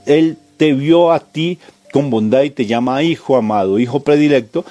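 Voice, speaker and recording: Male preacher, mid-pitched and mellow, driving a sermon with repeated questions over soft music. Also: moderate pace. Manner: emphatic, repetitive rhetorical questions.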